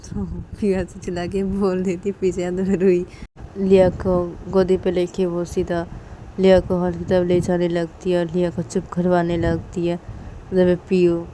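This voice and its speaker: Rich: A woman narrating a serial love story in a low-set voice, stringing events together in a plain, chatty way. Faint noise hangs under the homemade recording. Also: mellow, rough recording. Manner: plain retelling with many linking words.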